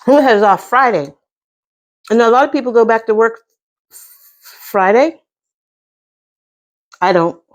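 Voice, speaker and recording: A woman's voice: on the high side, expressive, slow pace, long pauses. A middle-aged American woman chatting casually to viewers as she eats, with savoring mms between bites. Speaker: mukbang host. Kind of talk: casual chat to viewers while eating.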